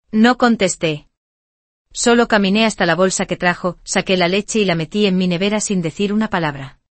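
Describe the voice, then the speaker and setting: A woman narrating a first-person dramatic story in an even, steady storytelling manner. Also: mid-range voice, dry recording.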